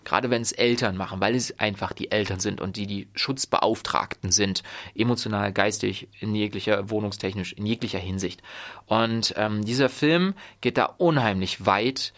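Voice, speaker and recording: A man's voice: on the low side, moderate pace, a bit bright. A man casually recapping films he has watched, rambling with many fillers and restarts. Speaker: film reviewer. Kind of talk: casual podcast film talk.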